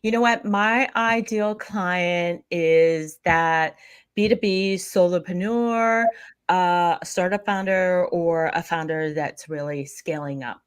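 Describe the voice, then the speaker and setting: A thought leadership coach from Pennsylvania, USA, speaks as an upbeat guest in a conversational interview, often repeating words as she goes. Her lowish voice is slow, clear and resonant, in a dry, clean studio recording.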